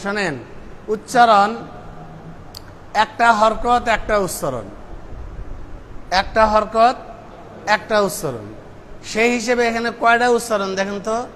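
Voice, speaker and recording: High-voiced man slowly drilling recitation. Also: fairly bright tone, slight background noise. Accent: Bangladeshi Bengali. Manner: slow, drawn-out syllables, then quick explanations; chants recited verses. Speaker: Quran recitation teacher. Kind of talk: drilling Quranic pronunciation, call and response.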